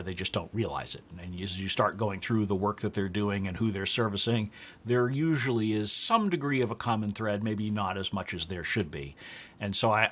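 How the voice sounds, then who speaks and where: A man's voice: lowish voice, fairly bright tone. A man co-hosting a business podcast, chatting casually and joking, with frequent restarts. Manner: joking, talks in quick bursts with restarts. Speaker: podcast co-host.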